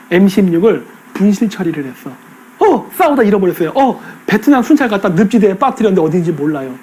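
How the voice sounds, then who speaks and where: A middle-aged man rants through a casual political commentary with a high voice that swings widely in pitch. He drops into coarse slang and acts out the people he quotes. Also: darkish tone. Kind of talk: casual ranting monologue.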